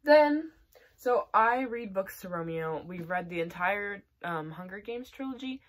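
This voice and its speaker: A woman's voice: medium pitch, lively intonation, unhurried. A young woman talks through her monthly reading in a loose, chatty way. She fills her speech with "like" and "um" and laughs every so often. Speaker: book vlogger. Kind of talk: casual monthly reading wrap-up.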